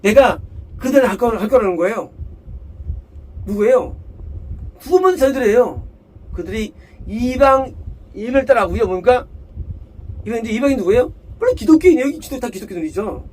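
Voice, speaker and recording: A man's voice: very high voice, sing-song, brisk, long pauses, darkish tone, low-quality recording. A male pastor preaching an expository sermon. He keeps asking questions and answering them himself, mixes English scripture words into his speech, and scolds his hearers bluntly. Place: church in Seattle.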